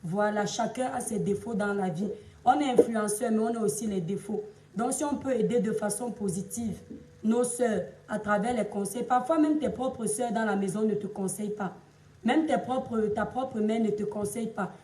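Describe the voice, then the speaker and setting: A Cameroonian woman with a Cameroonian French accent, hoarse from shouting, chatting on a live stream, greeting viewers and lecturing them. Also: medium pitch, moderate pace, roomy sound, distant mic. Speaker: livestream influencer and seller. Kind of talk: casual Facebook live chat.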